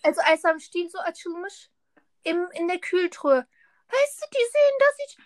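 High-voiced young woman chatting. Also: moderate pace. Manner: animated storytelling, acting out quoted exchanges. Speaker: podcast co-host. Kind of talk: casual chat, anecdotes mixing Turkish and German.

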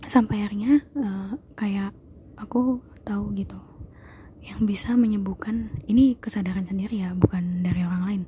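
A young woman speaks to her viewers in a very dark, mellow tone. Her casual talk is hesitant and breathy, often dropping to near a whisper and full of small fillers. A faint hiss of noise sits under her voice. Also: medium pitch, fairly even intonation, moderate pace, long pauses. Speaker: vlogger.

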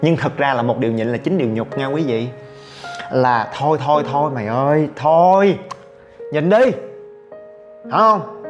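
A man from Vietnam hosts a podcast and tells a story in a casual monologue, with a fairly high voice. He stays animated, exclaims often and acts out what others said. Soft music plays faintly behind him. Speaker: podcast host.

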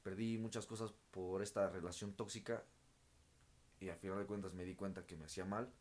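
A man with a Mexican accent, co-hosting a casual podcast in a relaxed way and asking his partner questions. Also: low voice, a little fast. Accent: Mexican Spanish. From State of Mexico. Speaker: podcast co-host.

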